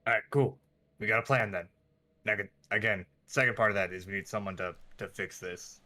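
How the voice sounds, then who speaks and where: A man's voice: on the low side, fairly even intonation, fairly quick, sharp tone. A man playing a tabletop game, talking bluntly and arguing in character. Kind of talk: casual in-character banter.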